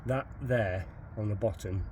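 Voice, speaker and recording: A man from Sheffield, England, voice on the low side and darkish, talks unhurriedly through repairing his van. The handheld outdoor phone footage carries a little hiss or hum, and his casual walkthrough wanders and repeats itself.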